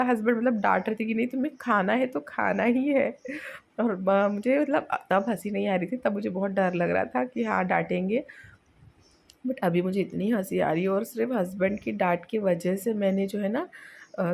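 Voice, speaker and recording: A young woman from India talks through her day in a relaxed personal vlog. Her voice sits at an ordinary pitch, and she rambles in a chatty way, with lots of fillers and English words mixed into her speech. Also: vocal fry. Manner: chatty, frequent fillers and Hinglish asides. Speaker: vlogger. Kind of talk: casual personal vlog narration.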